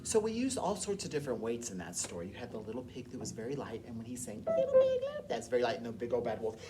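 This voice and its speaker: Animated woman teacher telling a story. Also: extremely low pitch, fast talker. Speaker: movement teacher. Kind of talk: storytelling music lesson. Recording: distant mic, loud piano behind.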